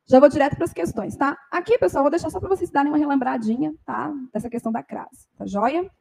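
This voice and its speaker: A woman teaching a grammar lesson for exam preparation, explaining step by step and often checking in with a quick "tá?". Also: high-pitched, creaky, dark tone, slight background noise, rough recording. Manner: explanatory, frequent "tá?" tag questions.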